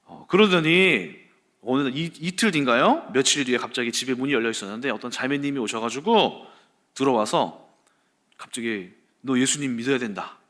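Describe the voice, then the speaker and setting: A pastor giving a church history lecture at a service, with animated storytelling. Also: male voice, mid-range voice, moderate pace.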